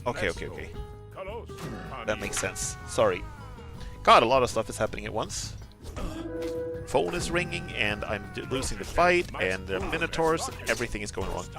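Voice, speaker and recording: A man doing casual live gameplay commentary in an excitable, rambling, jokey way. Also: medium pitch, moderate pace, vocal fry, long pauses. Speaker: game streamer. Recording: game music behind the voice. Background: video game music.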